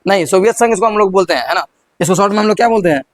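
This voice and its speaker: This is a young male teacher with a Bihari Hindi accent and a high voice, running a history class. He keeps asking questions, answering them himself and restarting mid-word. The sound is dry and close. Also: expressive, rapid-fire, no echo. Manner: repeats questions, prompts students, stumbles and restarts.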